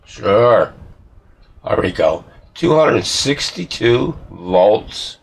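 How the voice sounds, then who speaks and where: A man's lowish, gravelly and slightly rough voice moves very slowly in a sing-song way. He's working in a hobby workshop, muttering casually to himself, folksy with mild swearing. Handling sounds and clicks make the space noisy.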